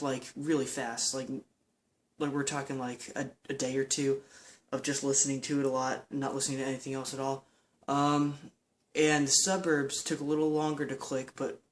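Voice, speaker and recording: A man's voice: medium pitch, slight background noise. A man giving a casual, enthusiastic album review. He rambles, with lots of "um" and "like" and restarts.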